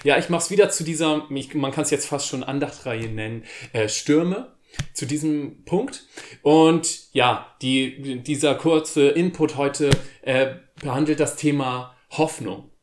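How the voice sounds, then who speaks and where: A man's voice: a little high, unhurried. A man hosting a short casual devotional video, who reads a scripture passage and then retells it loosely with slang and restarts. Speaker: youth devotional host.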